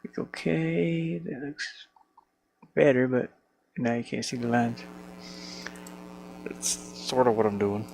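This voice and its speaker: A game developer thinks aloud to himself in short fragments while working at a computer, narrating his own work casually. His mid-range voice is a little mellow, slow, and full of pauses, and the recording is clearly noisy with hum and clicking.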